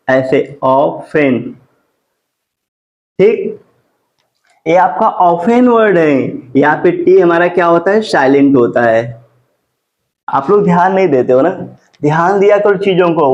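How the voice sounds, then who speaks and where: A man teaching a classroom grammar lesson. He asks his students questions and answers them himself, and he spells words out slowly. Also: high-pitched. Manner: drawn-out slow spelling of words. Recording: dull lo-fi classroom recording.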